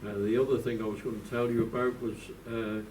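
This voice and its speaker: A man's voice: medium pitch, fast talker. A man in his nineties, a former football club secretary, telling anecdotes to an audience in a chatty way and acting out the people he quotes. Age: 90s. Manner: chatty, acts out quoted people in lively voices. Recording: distant mic with faint background noise.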